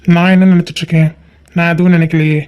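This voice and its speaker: A man's voice: on the high side, flat delivery, quick pace, clean tone, highs cut off, close to an everyday voice. A man voicing a defiant young adult son in a cartoon family drama, answering his father back firmly. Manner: firm, defiant.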